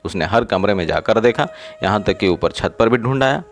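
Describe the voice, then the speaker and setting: Low-voiced male storyteller. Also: lively intonation, normal speed, soft background music. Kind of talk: narrated short story.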